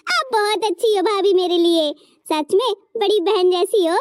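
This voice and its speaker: A woman's voice: very high voice, normal speed, no room sound, clean studio sound. A woman voicing a sweet teenage sister-in-law. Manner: earnest, pleading. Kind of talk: cartoon story voice acting.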